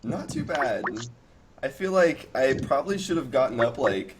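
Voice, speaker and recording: A man's voice: mid-range voice, big pitch swings, normal speed. A twenty-year-old man chats loosely with his viewers on a home live stream. He rambles, restarts his sentences and laughs often, talking into a headset over a video call. A faint hiss of noise sits behind his voice. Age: 20s. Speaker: cannabis streamer. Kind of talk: casual live-stream chat. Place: small home room, indoors.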